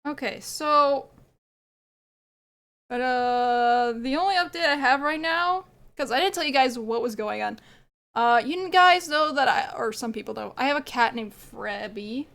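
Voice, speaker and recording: A woman's voice: high-pitched, expressive, measured pace, fairly bright tone. A woman streaming a game, chatting casually and rambling as she plays, often laughing. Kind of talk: casual live-stream chat while gaming.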